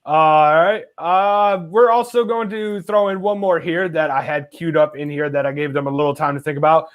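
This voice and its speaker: A man's voice: fairly high pitch, normal speed, dull audio. Chatty male host reading viewer comments. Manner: reads viewer comments aloud, many "uh" fillers. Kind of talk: casual live-stream chat.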